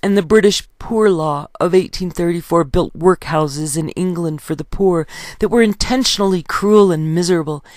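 A woman reading her own history book aloud in a steady, measured way, citing page numbers as she goes. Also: on the low side, no echo, clean studio sound.

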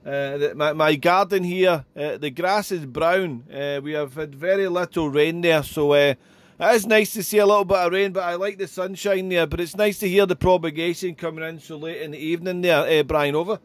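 A man's voice: fairly high pitch, steady tone, moderate pace, no echo. A man chatting as an amateur radio operator, making contacts with callsigns and phonetic spelling. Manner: chatty, repeats "there" and phrases.

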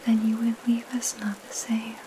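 A young woman giving a soothing, soft, breathy ASMR whisper, gentle and calming, with pauses between phrases. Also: a little high, a little hiss or hum. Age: young adult. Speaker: ASMR host reading scripture and praying. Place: small indoor room at home. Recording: steady rain sound behind the voice. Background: rain.

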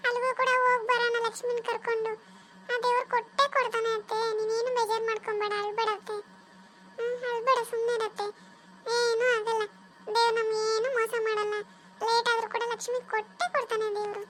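A woman voicing a kind young woman who gently comforts and reassures her aunt in a cartoon drama. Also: very high voice, level tone, fast talker. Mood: soothing gentle.

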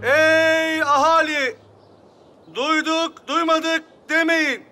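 An actor playing an Ottoman town crier, calling out a formal proclamation to the townspeople in drawn-out phrases. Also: extremely high pitch, flat delivery, sharp tone, soft background music, full character voice. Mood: proclaiming.

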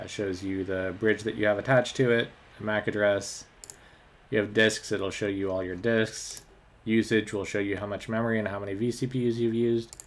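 A man narrates a screen-recorded tech tutorial in a fairly low voice. His talk is loose and unscripted, filled with ums and uhs as he clicks through each step. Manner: relaxed, many ums and uhs. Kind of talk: screen-recorded software walkthrough.

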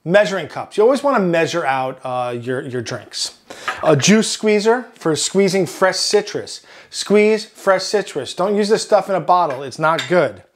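A chef with a Long Island accent hosting a cooking demonstration, relaxed, often ending points with "right?". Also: male voice, sits high, a little slow. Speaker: chef and host.

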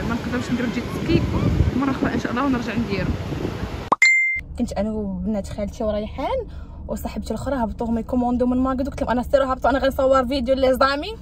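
A woman's voice: sits high, very noisy. A young woman with a Moroccan Arabic accent, chatting to viewers in a casual, upbeat phone vlog. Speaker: vlogger.

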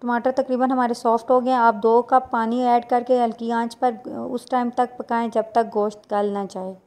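A woman, talking viewers through a recipe step by step in a plain, unhurried voice-over. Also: fairly high pitch, level tone, darkish tone. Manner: plain instructional, unhurried with small restarts. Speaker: cooking channel host.

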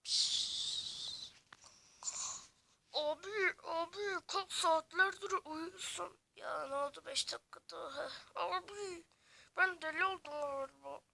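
Brief: woman, high bright voice, playful game role-play, dramatic character switching. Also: measured pace, creaky, a little hiss or hum. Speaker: game story narrator.

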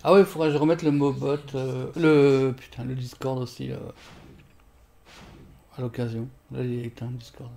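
A man streaming a fighting game from home on a desk mic, swearing and shouting at the game while chatting with viewers. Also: mid-range voice, flat delivery, moderate pace, creaky. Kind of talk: live gameplay commentary. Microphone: desk microphone.

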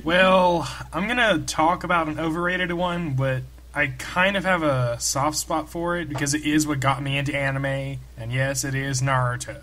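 A man's voice: a little high, steady tone, normal speed, hardly any pauses, bright, forceful tone, slight background noise. A man co-hosting a casual podcast, talking in an easygoing, hedging way. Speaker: podcast co-host. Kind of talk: casual chat.

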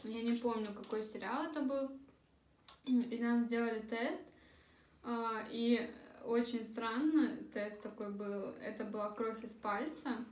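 At a dining table in a small room, a young vlogger talks casually while she eats for a mukbang video, captured by a camera opposite her. She has a fairly high, darkish voice and a measured pace; the sound is roomy, with faint cutlery and dish noise.

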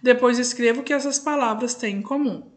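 Brisk and on the high side, a woman's voice with a Brazilian Portuguese accent leads a recorded lesson. She walks through it patiently step by step, drawing out each word as she says it.

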